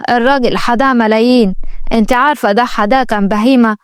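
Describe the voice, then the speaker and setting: A woman voicing a greedy, sharp-tongued middle-aged stepmother who scolds and bosses people around. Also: a little high, steady tone, quick pace, clear, resonant tone, dry recording, clean studio sound, lightly acted. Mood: scolding. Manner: scolding and bossy.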